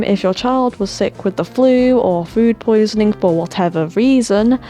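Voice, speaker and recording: A gaming channel host, a woman with a mid-range, darkish voice, rambles casually about game mods while her voice tires and her throat grows sore. She's chatty and self-deprecating, trailing off into fillers.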